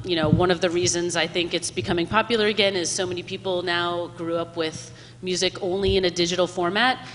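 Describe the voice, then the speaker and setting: A woman's voice: fairly low pitch, a bit bright. A woman in her thirties from Miami, hosting and moderating a live panel in a friendly, explanatory way. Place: museum event hall before an audience. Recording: live hall reverb, faint room noise.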